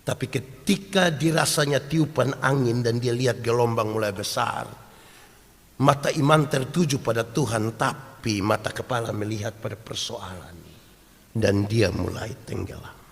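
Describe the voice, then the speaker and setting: A man preaching a sermon, animated and storytelling, swinging from loud acted quotes to hushed asides and asking the congregation questions. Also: mid-range voice, normal speed, gravelly. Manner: homely storytelling with humor and rhetorical questions. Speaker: pastor. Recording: long hall reverb.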